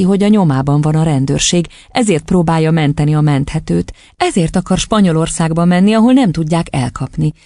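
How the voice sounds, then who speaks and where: A woman voicing a kind young teacher who speaks softly and soothingly. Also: lowish voice, gravelly, no echo, clean studio sound, pitched above the performer's own voice. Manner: soft, soothing, calm.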